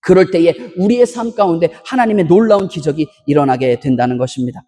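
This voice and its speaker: A Korean pastor preaching an emphatic sermon in a church, breaking into loud shouted bursts between storytelling asides. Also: medium pitch, fast. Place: church sanctuary. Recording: long reverb of a church hall.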